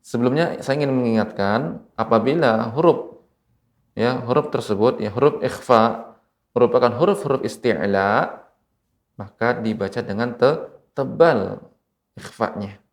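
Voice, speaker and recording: A man from Indonesia teaching Quran recitation rules on television, speaking slowly and patiently and repeating each example word. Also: mid-range voice. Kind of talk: televised tajwid lesson. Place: TV studio.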